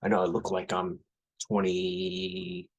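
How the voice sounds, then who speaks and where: A man's voice: deep voice, monotone, slow pace, husky, dull audio. A man in his thirties talking through a rambling, blunt casual monologue, full of fillers and restarts. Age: 30s. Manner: rambling, blunt, frequent fillers and self-corrections. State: has a headache. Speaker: podcast host.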